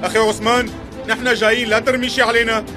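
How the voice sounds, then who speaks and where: A man's voice: very high-pitched, flat delivery, rapid-fire. A dubbing actor playing an anxious man, coaxing and pleading with a troubled relative. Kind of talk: dubbed TV drama acting. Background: music.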